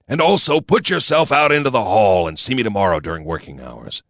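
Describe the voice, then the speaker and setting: A man voicing a gruff older male chief of a secret agency, snarling and grumbling his lines. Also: lowish voice, expressive, fairly quick, a bit bright, no room sound, clean studio sound, pitched above the performer's own voice, heavily acted.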